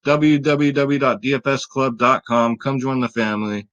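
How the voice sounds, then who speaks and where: A man talks casually through a fantasy sports picks video, speaking straight to his viewers and hyping them up. He sounds tired late at night, with a voice at a middle pitch. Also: little pitch movement, moderate pace, fairly bright tone, highs cut off. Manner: chatty, hype-building, talks straight to viewers.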